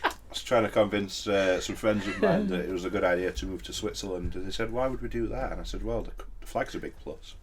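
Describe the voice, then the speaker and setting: A man's voice: sits low, fairly even intonation, fast, crowd noise. A British man telling dad jokes in a casual swap among friends, setting each one up and delivering the punchline.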